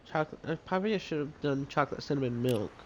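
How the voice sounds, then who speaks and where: A man's voice: fairly high pitch, quick pace, muffled recording, a little hiss or hum. A man casually chatting as he streams a game, laughing between remarks. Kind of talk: casual livestream commentary. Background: loud game music.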